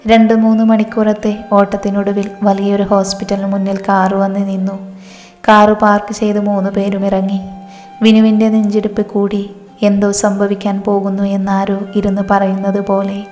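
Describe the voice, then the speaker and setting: Calm woman narrating a story. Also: mid-range voice, fairly quick. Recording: reverberant with background music.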